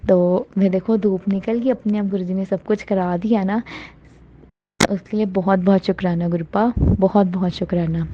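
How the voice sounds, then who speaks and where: A woman telling listeners about her devotional experiences in a casual, earnest and grateful way, often rising with excitement. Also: medium pitch, normal speed, lo-fi sound, noisy background. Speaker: devotee sharing a testimony. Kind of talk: casual spoken testimony.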